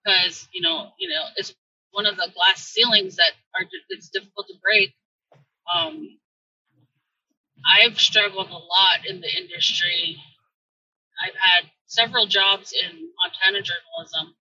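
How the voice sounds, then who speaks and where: Woman journalist on a bad call line: muffled, underwater-sounding, husky and far off, thoughtful, with halting restarts. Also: mid-range voice, bright, forceful tone, no room sound. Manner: thoughtful, restarts phrases with fillers. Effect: muffled underwater-sounding remote call audio. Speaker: journalist guest on a podcast. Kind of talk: casual conversation over a remote call.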